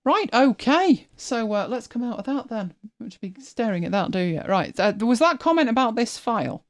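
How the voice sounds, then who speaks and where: A woman's voice: on the high side, animated, brisk, no echo, studio quality. A woman hosting a live stream, chatting casually as she walks viewers through her screen, thinking aloud and often restarting her sentences. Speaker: host.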